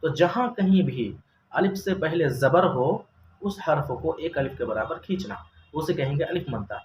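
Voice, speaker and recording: In this step-by-step recorded lesson, a Quran reading teacher with a fairly high male voice talks at normal speed with lively intonation. He patiently asks questions and answers them himself, drawling the example sounds. Faint ambient noise and a roomy echo fill the recording.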